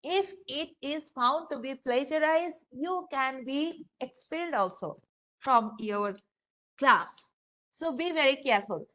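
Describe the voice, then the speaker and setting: A high-pitched woman with an Indian English accent lectures a class in an easy, conversational way, filling pauses with "uh" and "you know" and speaking straight to the students in front of her. The recording is dull and lo-fi, as if picked up by a room microphone in a classroom. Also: lively intonation, bright, forceful tone. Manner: conversational, frequent fillers, addresses students directly. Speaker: university lecturer.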